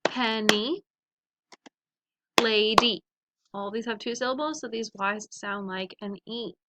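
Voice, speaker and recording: A woman teaching a phonics lesson to young children, sounding out letters and words slowly and clearly. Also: mid-range voice, background noise.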